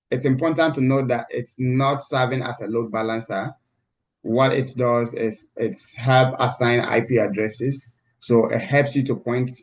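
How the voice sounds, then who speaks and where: A man teaching a live online class, heard through a screen-recorded video call, talking in a halting way with many restarts. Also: mid-range voice, dull audio. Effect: screen-recorded video call audio. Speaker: instructor. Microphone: computer mic on a video call.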